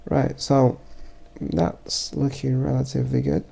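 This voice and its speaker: A photographer with a blocked-up, stuffy voice talks through his editing in a casual tutorial voice-over. His tone is deep-set and dark with heavy gravel and a husky edge. He speaks slowly and haltingly, pausing and restarting as he thinks aloud. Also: little pitch movement. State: stuffy, congested.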